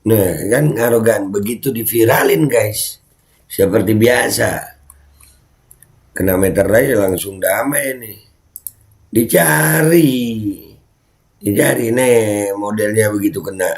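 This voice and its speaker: A man's voice: lowish voice, unhurried. A man giving casual video commentary, scolding and repeating his points. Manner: scolding, repetitive, chatty. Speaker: online commentator.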